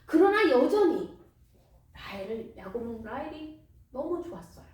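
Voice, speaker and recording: A woman retelling a Bible story at church, lively and full of questions to the listeners. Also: sits high, moderate pace. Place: church hall. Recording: echoey hall, distant mic, faint noise.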